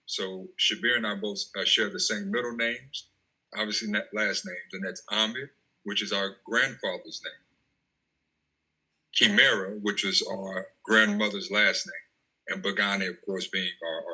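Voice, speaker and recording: Guy guesting on a podcast, bright but kinda raspy voice, polite and careful. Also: deep voice, low-quality recording. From Tennessee, US. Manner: polite, measured, explanatory. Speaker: interview guest, nonprofit co-founder. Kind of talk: casual interview chat.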